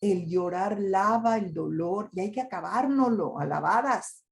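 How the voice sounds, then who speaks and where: With slides behind her, this older lecturer on migration and grief addresses an audience, weaving in rhetorical questions. She speaks at a measured pace in an expressive, medium-pitched voice with vocal fry, and the audio sounds roomy.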